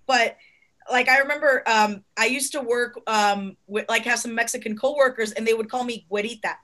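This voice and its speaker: A woman born in Cuba hosts a casual interview in a bright, fairly high voice. She is chatty and laughs often, and she acts out what other people have said to her. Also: brisk. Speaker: podcast host.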